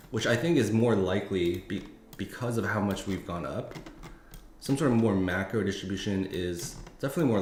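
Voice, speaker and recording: Male streamer, low voice, casual and halting, lots of fillers; roomy echo, keyboard typing behind. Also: darkish tone. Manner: rambling, thinking aloud with many fillers and restarts. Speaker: futures trading streamer. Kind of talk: casual live-stream market commentary. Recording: echoey room with faint noise.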